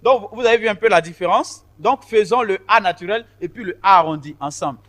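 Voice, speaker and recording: A man's voice: sits high, brisk, fairly bright tone. A man teaching a choir vocal technique, explaining vowel shapes patiently and counting the group in.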